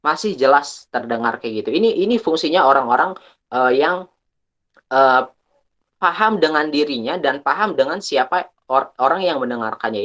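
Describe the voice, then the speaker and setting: Young male webinar speaker, casual and halting, dull lo-fi call audio. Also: mid-range voice, a bit bright. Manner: chatty, restarts often, pauses with fillers. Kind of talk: casual online workshop talk.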